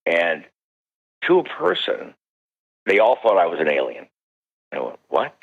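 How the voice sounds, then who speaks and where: A man's voice: measured pace, slightly rough. An older man, a parapsychologist, telling a story on a radio interview and acting out the voices of the people in it. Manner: acts out quoted voices, swoops high when excited. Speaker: parapsychologist guest. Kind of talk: animated storytelling. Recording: dull lo-fi radio interview audio.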